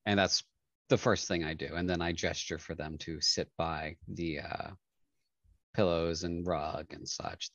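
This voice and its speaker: A man with a deep voice describes his character's actions in a tabletop game. The recording is dry and slightly lo-fi. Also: fairly bright tone, dry recording.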